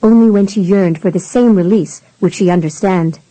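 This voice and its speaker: Woman narrator for a romance audiobook: mellow, measured, close and dry. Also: mid-range voice, dry recording, rough recording.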